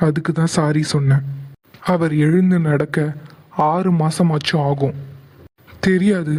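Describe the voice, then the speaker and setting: An actor voicing a kind young male village doctor in an animated drama, speaking calmly and patiently. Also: fairly high pitch. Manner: calm, patient, explains steadily. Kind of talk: animated cartoon voice acting.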